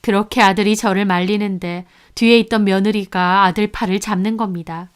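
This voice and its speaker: A woman narrating a first-person story in a plain, steady reading voice. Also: mid-range voice, brisk, clear, resonant tone.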